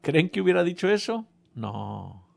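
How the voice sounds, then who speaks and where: A man's voice: on the high side, big pitch swings, unhurried, creaky. A man preaching a sermon, telling a humorous personal story and speaking directly to the congregation. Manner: humorous storytelling, addresses audience.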